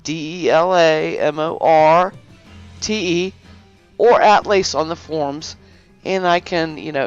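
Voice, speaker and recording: A woman's voice: on the low side, clean tone. A woman hosting a game guide video, giving casual tutorial narration over gameplay in a rambling way, correcting herself often. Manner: rambling, self-correcting, lots of fillers. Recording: slightly dull lo-fi recording with faint music.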